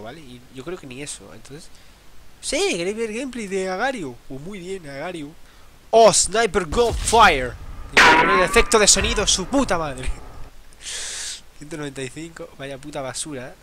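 Excitable young gamer, swearing. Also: male voice, fairly high pitch, brisk, a little hiss or hum. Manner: excitable, swearing, sudden yells and laughs. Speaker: gameplay youtuber. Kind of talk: casual gameplay commentary. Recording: game music behind.

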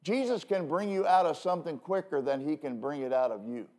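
A man preaching from a church pulpit in a loose, talky style, with a voice pitched a little higher than most men's. He keeps checking in with his listeners and pokes fun at himself along the way. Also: brisk, mellow. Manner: conversational, self-deprecating asides, frequent "okay?" checks. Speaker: pastor. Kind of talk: sermon.

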